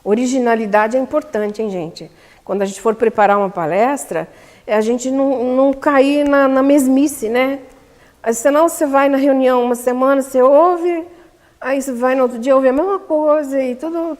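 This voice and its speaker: Brazilian woman, seminar lecturer, emphatic and engaging, fairly high voice, hall reverb. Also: moderate pace. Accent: Brazilian Portuguese. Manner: lively, emphatic, asks the audience questions. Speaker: lecturer at a spiritist center seminar. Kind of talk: teaching a public speaking course. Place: community hall.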